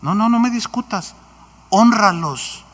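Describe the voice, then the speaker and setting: Mexican-accented man doing God, firm fatherly command, raised and bright, in a reverberant hall. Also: high-pitched, a little slow, voice pushed up. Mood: stern. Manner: firm, brooking no argument. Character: God as a stern insistent fatherly voice.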